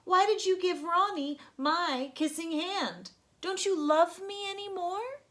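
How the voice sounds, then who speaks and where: A woman's voice: extremely high pitch, slow pace, fairly bright tone, voice pushed up, full character voice. A woman voicing a sad little boy raccoon in a children's storybook, asking questions in a plaintive, childlike way. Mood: tearful, hurt.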